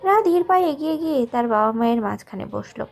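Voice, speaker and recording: Sex: woman. Role: story narrator. Style: scripted narration. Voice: high. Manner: soft, measured, emotional. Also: animated, creaky.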